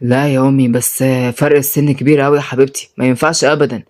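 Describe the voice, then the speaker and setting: A woman voicing a gruff, threatening young male neighborhood boss with an Egyptian accent. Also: a bass voice, level tone, rapid-fire, darkish tone, voice pushed down. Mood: stern. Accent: Egyptian Arabic. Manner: threatening, curt, commanding.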